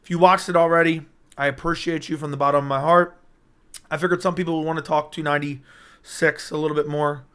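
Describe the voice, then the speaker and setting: On his personal streaming mic, an MMA YouTuber chats loosely with his livestream audience, answering comments with hyped, rambling energy. His fairly bright, slightly high voice has a flat, quick delivery and sounds strained, cutting in and out while its tone beneath remains clear.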